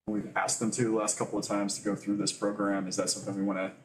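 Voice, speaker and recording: A man chairing a public board meeting, moving the agenda along in a relaxed way. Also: on the low side, fast talker, recorded from a distance, background noise. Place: meeting room.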